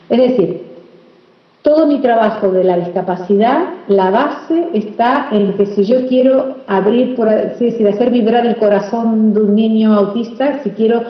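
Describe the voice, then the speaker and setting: A woman from Argentina, an interview guest and speech therapist, explains her ideas in a measured, deliberate way and stretches words to show how they sound. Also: a little high. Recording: roomy, dull lo-fi sound.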